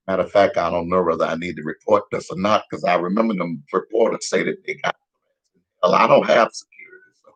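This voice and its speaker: A man giving casual, profane news commentary in a heated, repetitive rant, a little hoarse. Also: low voice, a bit bright, rough recording. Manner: profane, heated, repetitive, laughs at own jokes. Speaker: vlogger giving street-style news commentary.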